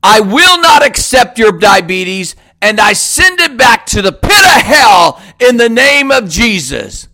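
Male, very high voice, slow and bright, commanding prayer declarations. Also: very animated. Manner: commanding, forceful, repetitive declarations.

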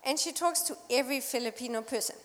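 High-voiced woman interpreting in a hall. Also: quick pace. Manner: hesitant, searching for words with fillers. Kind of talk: live consecutive interpreting. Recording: echoey hall with long reverb.

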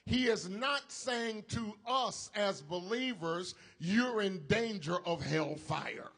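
A man's voice: high-pitched, expressive, a bit bright. A male preacher delivering a sermon in an emphatic preaching style, calling on the congregation to repeat after him. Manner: slow, emphatic preaching with call-and-response to the congregation.

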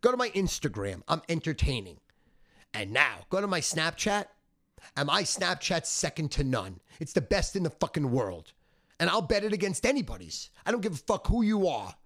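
Cocky, brash man with wildly swinging pitch. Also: sing-song, moderate pace, a bit bright. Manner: smug, cocky, boastful; brash, foul-mouthed, emphatic. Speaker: sports betting handicapper. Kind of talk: ranting sales monologue.

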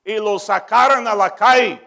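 A man preaching a sermon as pastor, moving from shouted peaks to joking asides. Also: high voice, moderate pace, creaky.

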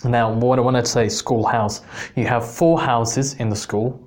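A man's voice: medium pitch, steady tone, measured pace, a little mellow. A man from England telling a personal story on his podcast in a casual, rambling way, with many restarts. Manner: rambling, many restarts, self-mocking laughs. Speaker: podcast host.

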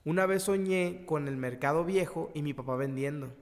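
A man with a Mexican accent tells a long personal story in casual, slangy chat. He often stops and restarts his words. His voice sits a bit high, and a long reverb hangs on it. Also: moderate pace.

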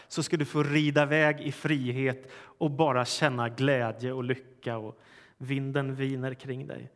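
A male pastor delivering a sermon shifts from a lively joke into a measured reading of scripture. His voice is a little high for a man, and his storytelling turns animated at the punchlines. The sound has a long reverb, like a church hall.

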